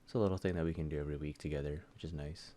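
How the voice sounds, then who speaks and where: A man's voice: a bass voice, fairly even intonation, very fast, dark tone. A young man co-hosting a podcast, chatting casually in a rambling way with lots of fillers and swearing. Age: young adult. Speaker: podcast co-host. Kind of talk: casual chat.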